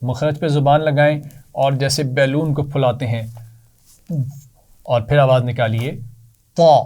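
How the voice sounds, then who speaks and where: A man's voice: medium pitch, fairly even intonation, darkish tone. A man teaching a children's Quran reading lesson, patiently repeating letter sounds for the pupils to copy and praising them often.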